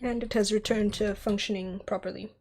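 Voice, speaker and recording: This streamer, a young 3D artist in her twenties, talks a little fast while sculpting, chatting and giggling in response to viewers. Her mid-range voice is slightly mellow with fairly even intonation, though a cold and sore throat make it scratchy.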